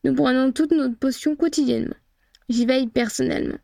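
A woman's voice: high voice, brisk, vocal fry, mellow, no echo, clean studio sound. A woman voicing a cunning, menacing female harpy clan leader in a storybook reading, speaking in clipped, hissing tones. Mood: blunt.

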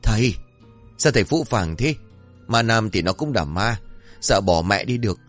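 A man's voice: fairly low pitch, animated, normal speed, faint music behind. A man voicing a cowardly, dim-witted young village man who pleads and panics in a raised voice. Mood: pleading.

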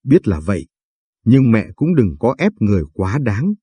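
A spineless young husband, voiced by a male narrator pushes back half-heartedly, irritated but meek. His low, dark voice carries a husky edge in a dry, close recording. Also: very animated, moderate pace, no room sound. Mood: protesting. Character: weak young husband, torn between mother and wife.

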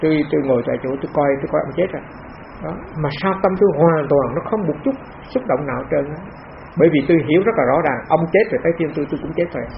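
A man's voice: on the high side, expressive, racing, gravelly. A man, a monk giving a plain, repetitive, conversational Dharma talk at a meditation retreat. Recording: dull lo-fi talk recording with faint noise.

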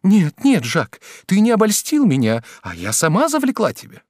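A man's voice: huge pitch swings, no echo, studio quality, full character voice. Man putting on a timid, pleading young woman. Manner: pleading, drawn-out high voice.

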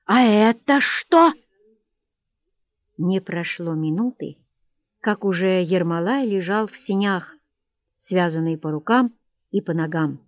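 A woman narrating a classic Russian story in a measured, expressive reading. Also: on the low side, dry recording, muffled recording. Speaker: audiobook narrator.

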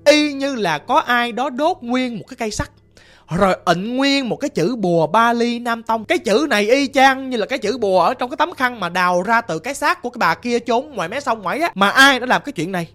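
A woman tells a ghost story in a chatty, conversational voice. Her pitch swings widely from line to line, and faint music plays underneath. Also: lively intonation, fairly quick, a bit bright. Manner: chatty, vivid, conversational, explains as she goes. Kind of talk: casual spoken storytelling.

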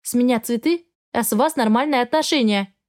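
A woman's voice: a little high, a little fast, darkish tone, lightly acted. A woman voicing a defiant young bride forced into marriage, stubborn and protesting.

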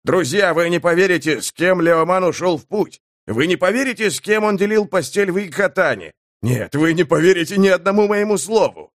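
A man voicing an excitable veteran male sapper who shouts and curses in a fantasy audiobook. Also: on the high side, moderate pace, hardly any pauses, no room sound, studio quality, pitched above the performer's own voice, close to an everyday voice. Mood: frantic. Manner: loud, frantic, cursing.

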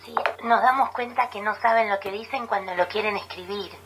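A woman's voice: mid-range voice, brisk, fairly bright tone, rough recording. Woman chiming in on the radio. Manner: chimes in with short agreements and laughs. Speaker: radio co-host. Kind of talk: casual radio chat. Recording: radio broadcast with faint noise.

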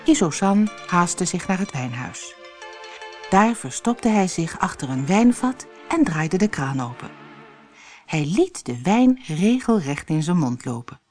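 A woman from the Netherlands reading a children's fairy tale aloud with expressive storytelling. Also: fairly low pitch, unhurried, faint music behind. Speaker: narrator.

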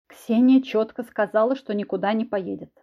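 A stern, protective man, as a woman reader puts him on, firm and official, who talks with clear, strict authority. The recording sounds dull and lo-fi. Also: medium pitch, a little fast, lightly acted.

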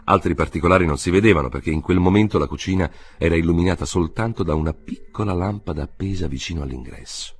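Deep, husky male audiobook narrator. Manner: measured, expressive storytelling. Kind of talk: scripted literary reading.

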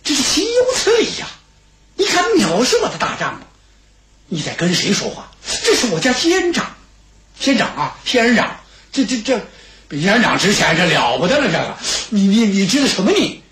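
A man's voice: high voice, huge pitch swings, moderate pace, a bit bright, reverberant, a little hiss or hum, heavily acted. A male storyteller voicing a blustering, angry older enemy marshal who bellows indignantly. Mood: furious.

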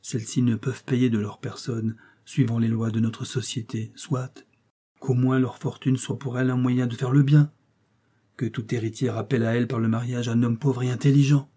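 Male reader plays a defiant young princess, husky and dark-toned, passionate speeches. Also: medium pitch, flat delivery, moderate pace, close to an everyday voice. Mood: impassioned. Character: proud idealistic young Russian princess.

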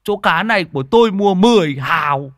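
A man's voice: high voice, lively intonation, a little fast, a bit bright, no echo, clean studio sound, pitched above the performer's own voice. A man doing a cocky, boastful young rascal. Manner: boastful, teasing.

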